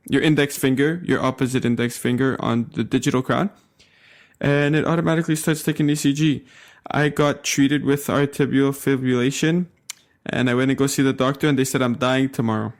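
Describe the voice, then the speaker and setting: Young man from Canada, relaxed podcast co-host, mid-pitched voice, casual and unhurried. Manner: relaxed, easygoing, laughs along. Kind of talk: casual tech podcast banter.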